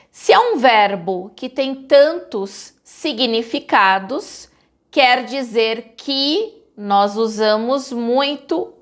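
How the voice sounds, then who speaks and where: A Brazilian woman hosts her own channel, where she reads a script slowly and clearly to teach the meanings of a common verb in her Brazilian Portuguese accent. Her voice is a little high.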